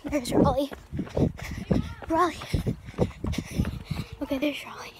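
A woman's voice: high voice, fairly even intonation, measured pace, heavy background noise. A teenage girl vlogging casually outdoors on a street into a handheld phone camera, rambling with lots of fillers and restarts. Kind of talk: casual vlog chat.

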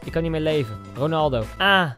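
Excitable high-voiced gamer guy. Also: brisk, faint music behind. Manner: swings between loud excited outbursts and low mumbling, swears freely. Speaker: gaming YouTuber. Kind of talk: energetic gameplay commentary.

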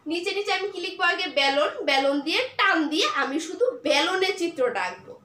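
A primary school teacher leads an online class for young children, patiently asking questions and answering them herself. Her voice is extremely high, bright, forceful, and a little fast, recorded in an echoey room with faint noise.

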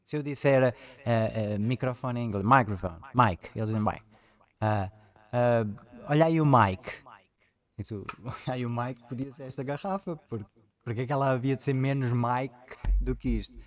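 A man talks in an eager, animated way as he explains ideas during an informal lesson. His voice sits at an ordinary middle pitch, and he speaks like a relaxed teacher working through a reading with a young listener. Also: moderate pace. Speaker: reading group leader. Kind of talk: informal teaching chat with a child.

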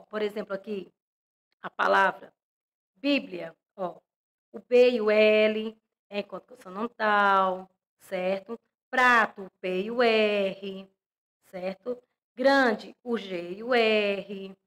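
A young woman teaching an online lesson to young children with a Brazilian accent, speaking slowly and clearly and stressing each example word. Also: a little high, a bit bright. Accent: Brazilian Portuguese. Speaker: primary school teacher.

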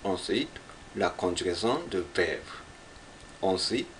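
Slow, careful Japanese man. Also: sits low, expressive, slight background noise. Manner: careful, deliberate, drills syllables one by one. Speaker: French learner. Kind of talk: language practice monologue.

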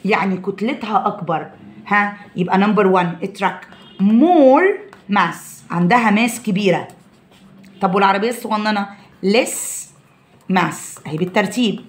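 A woman's voice: mid-range voice, moderate pace. A woman with an Egyptian Arabic accent, teaching a science lesson to children, mixing English terms into her explanations and checking often that they follow.

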